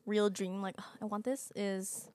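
A woman's voice: medium pitch, unhurried, no room sound, studio quality. A woman in her twenties co-hosting a podcast, chatting casually, laughing often and filling her talk with "like". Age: 20s. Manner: giggly, animated, lots of fillers. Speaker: podcast co-host. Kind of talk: casual chat.

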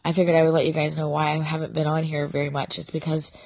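Middle-aged woman, hoarse raspy whisper. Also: low-pitched, completely flat delivery, dry recording. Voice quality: raspy whisper from a nearly lost voice. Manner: halting, subdued, sincere. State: sick with sore throat, voice almost gone. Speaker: vlogger addressing followers. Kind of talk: confessional casual monologue.

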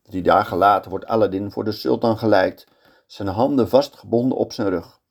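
A man's voice: on the low side, gravelly. A man telling a fairy tale aloud. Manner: slow and lively storytelling. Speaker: storyteller.

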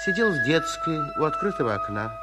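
A man narrating a 1950s radio fairy tale as a kindly storyteller, gentle and expressive. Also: fairly high pitch, fairly quick, over loud music. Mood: dreamy, unhurried. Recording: 1950s radio drama recording.

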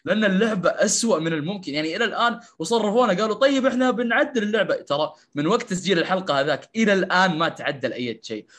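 Man, gaming podcast co-host, quick and animated, slightly high voice. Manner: animated, laughs while ranting. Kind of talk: casual gaming podcast chat.

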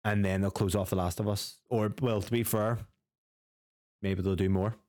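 A man's voice: fairly low pitch, steady tone, moderate pace, a little mellow, no room sound, clean studio sound. A man co-hosting a gaming podcast who chats casually, gives strong opinions, swears freely and reads out news items. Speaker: podcast co-host.

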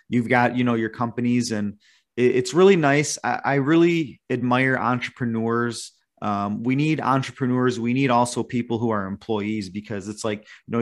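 A man hosting a podcast conversation, affirming his guest with frequent agreeing interjections. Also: mid-range voice. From United States. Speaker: podcast host.

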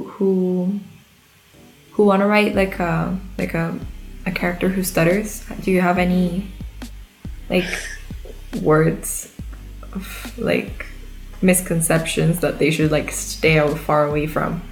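Slow, halting woman interviewer. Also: fairly low pitch, steady tone, soft background music, poor audio. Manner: halting, filler-heavy questions. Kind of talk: casual interview questions.

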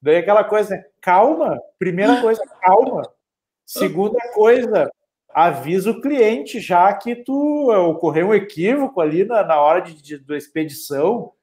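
A man with a fairly high voice talks casually about online selling. He tells client stories and acts out their lines, tagging many sentences with a questioning "né". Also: expressive, normal speed, darkish tone. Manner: storytelling with acted quotes, frequent "né". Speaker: e-commerce consultant. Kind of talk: casual chat.

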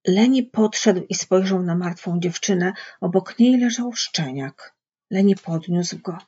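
A woman reading literary prose aloud in a measured storytelling manner, with a husky voice. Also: on the low side, mellow. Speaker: audiobook reader. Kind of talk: literary narration. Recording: dull lo-fi recording.

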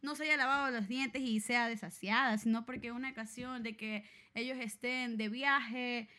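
A young woman with a high voice co-hosts a casual chat and tells stories in a chatty, animated way. She jumps in often and keeps the exchange lively. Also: normal speed. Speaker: co-host.

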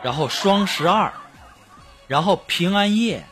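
A man's voice: high-pitched, animated, a little slow, over music. A man hosting a comedy show, telling self-mocking jokes in a chatty, laughing manner. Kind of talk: comic monologue with jokes.

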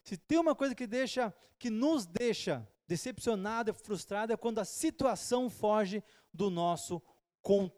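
Preacher, male, fairly high voice, short phrases with pauses for the interpreter. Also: animated, a little mellow, in a large hall. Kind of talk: sermon with live interpretation. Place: church hall with a projector.

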